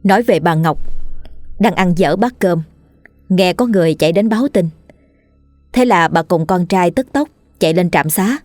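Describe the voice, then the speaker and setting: A woman narrates a scripted horror tale in a lowish, steady, measured voice. The recording is close and dry, with faint music underneath. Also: dry recording. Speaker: storyteller.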